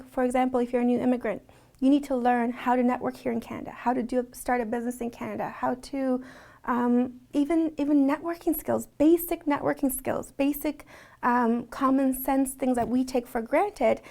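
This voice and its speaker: A woman's voice: high voice, darkish tone. A woman speaking earnestly in a reflective documentary interview, talking conversationally with frequent restarts.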